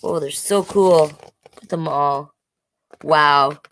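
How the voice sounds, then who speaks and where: This storytime host reads a children's picture book in a low, slightly bright voice, moving slowly, and the recording is rough. Her reading is expressive and playful, broken up by friendly explanations for the little ones.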